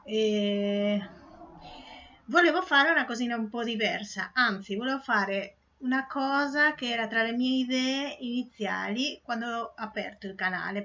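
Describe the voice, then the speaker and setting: A woman's voice: mid-range voice, a bit bright. Woman vlogger with a dull, lo-fi sound. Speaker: video channel host. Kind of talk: casual vlog talk and poem recital.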